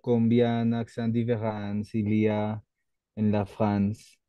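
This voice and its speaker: A man, a student in class, asking questions in halting, hesitant French. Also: lowish voice, monotone, clean tone, no echo, distant mic, highs cut off.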